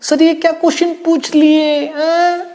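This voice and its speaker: A man voicing a cheeky young student who protests loudly to the teacher in a high, whiny voice. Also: level tone, a little slow. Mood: protesting.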